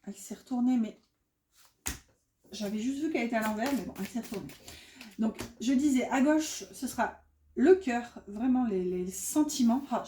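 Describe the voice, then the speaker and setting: A woman's voice: a little high, dark tone, roomy sound, slight background noise. A woman giving a casual tarot reading, chatty and full of fillers, often correcting herself. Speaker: tarot card reader.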